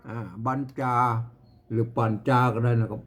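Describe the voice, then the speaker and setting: A man teaching Lanna language, who chants verse lines high and loud, then explains them softly with small laughs. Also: flat delivery, moderate pace. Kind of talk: reading and explaining a verse text.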